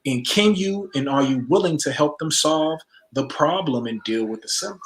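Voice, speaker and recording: Joking podcast co-host guy, kinda high voice, echoey room. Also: expressive. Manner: jokey, quick interjections and affirmations. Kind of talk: casual podcast chat.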